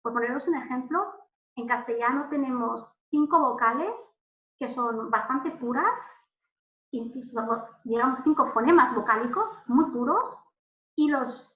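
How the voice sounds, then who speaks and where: Woman, language examiner, informal lecture, frequent fillers, phone-like sound. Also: high voice. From Spain. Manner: chatty, many fillers and restarts, checks in with "vale". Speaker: language proficiency examiner and teacher. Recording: phone-like audio in an echoey room.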